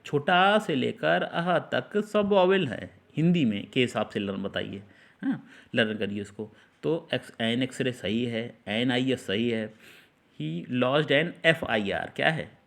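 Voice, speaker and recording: A man's voice: mid-range voice, lively intonation, takes it slowly, vocal fry, a bit bright. A man teaching an English grammar lesson, explaining step by step, repeating words and asking the class questions.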